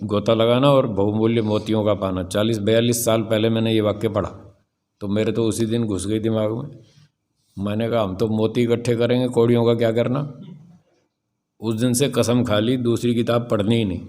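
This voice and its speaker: Older guy in his 60s, lowish voice, lecturing on scripture, firm and questioning. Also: darkish tone. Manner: firm, rhetorical, asks the audience questions. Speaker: swami teaching scripture. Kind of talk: spiritual discourse lecture.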